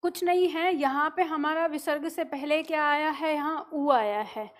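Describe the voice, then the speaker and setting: A woman's voice: high-pitched, normal speed. A woman teacher giving a classroom grammar lesson, patiently asking questions and answering them herself.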